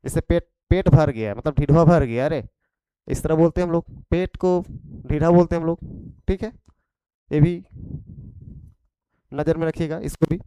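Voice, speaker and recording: A man's voice: on the high side, normal speed, long pauses, mellow, smooth, dry recording, poor audio. A man with a Khortha accent teaching an exam prep vocabulary lesson, repeating each point and checking in after it.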